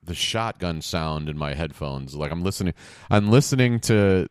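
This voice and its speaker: A man casually narrating his video game play to himself, rambling, swearing and getting loud during fights. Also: sits low, animated, moderate pace, clean tone, no room sound, studio quality. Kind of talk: casual let's-play commentary. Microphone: headphones on, close podcast mic.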